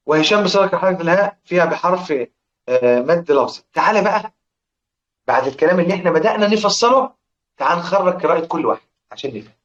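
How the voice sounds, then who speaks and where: A high-voiced, fast-talking Egyptian man teaching recitation, firing questions at his class and chanting verse lines between explanations. The sound is echoey and dull, like a lo-fi room recording. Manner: lively, asks students questions and answers himself, chants verse lines.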